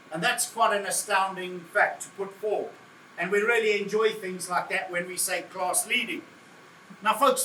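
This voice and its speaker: A man's voice: high voice, bright, forceful tone, a little hiss or hum. A man giving a live car presentation to an audience, jovial and chatty, calling them folks and joking with the crowd. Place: showroom or event space. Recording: echoey room, voice heard from far off, faint ambience.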